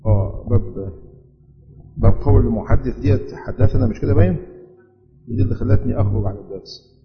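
A man with an Egyptian Arabic accent giving a religious lesson, talking animatedly with rhetorical questions and reciting hadith in a slow chant. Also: mid-range voice, animated, vocal fry, slight background noise. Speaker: hadith teacher. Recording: dull lo-fi audio with long hall reverb.

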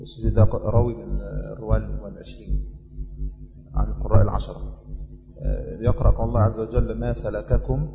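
A man with an Egyptian accent teaching the rules of Quran recitation in a measured way, repeating each rule as he explains it. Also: on the low side, level tone, creaky, long reverb tail, dull audio, music in the background. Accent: Egyptian Arabic. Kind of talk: tajweed lesson.

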